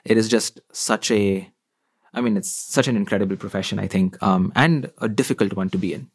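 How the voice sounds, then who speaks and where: A man's voice: on the low side, a little fast, breathy edge. A young man from India, a guest on a podcast, talking earnestly and thoughtfully about his experiences. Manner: earnest, thoughtful, laughs easily. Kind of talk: conversational interview.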